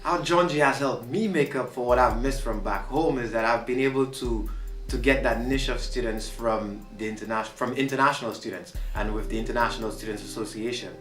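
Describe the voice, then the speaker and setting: A man's voice: medium pitch, a little fast, a bit bright, faint music behind. A young man from Saint Lucia, a student, speaking in an upbeat, friendly way in an interview testimonial. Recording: roomy echo.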